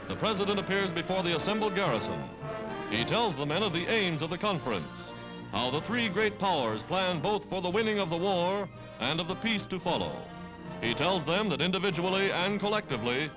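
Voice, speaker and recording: A high-pitched man narrates an old newsreel with an emphatic, declamatory wartime delivery. Brassy music plays loudly under his voice on an archival film soundtrack. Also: lively intonation, a little fast, rough recording.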